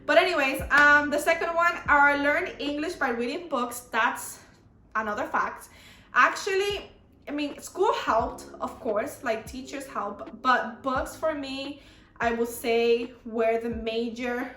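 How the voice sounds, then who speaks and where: A young Dominican YouTuber chats to the camera in a Dominican Spanish accent, full of "like" and "you know." She talks slowly in a bright, high, forceful voice, and the recording is reverberant.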